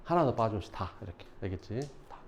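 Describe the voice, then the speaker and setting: A male math teacher giving a casual classroom lecture, often pausing to check that students follow. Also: fairly low pitch, expressive.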